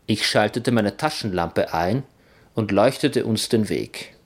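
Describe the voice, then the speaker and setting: Male narrator, children's story, first person, playful, expressive, slow, lively pitch. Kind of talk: reading a children's story aloud.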